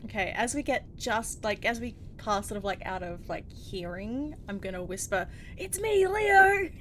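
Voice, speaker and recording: A woman's voice: medium pitch, moderate pace, fairly bright tone. A woman player in a tabletop game casually talks through her character's moves, filling gaps with likes and ums. A faint noise sits under her voice. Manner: casual, describes actions with many fillers.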